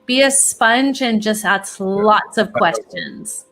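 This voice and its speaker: A woman's voice: medium pitch, slow, fairly bright tone, slight background noise. A woman as a guest expert in a podcast interview, giving upbeat, encouraging advice. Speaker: college planning expert, guest.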